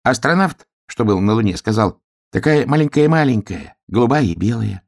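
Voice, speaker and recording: A man voicing a small, dreamy male hedgehog in a storybook reading, soft-spoken and full of wonder. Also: medium pitch, animated, normal speed, vocal fry, pitched above the performer's own voice.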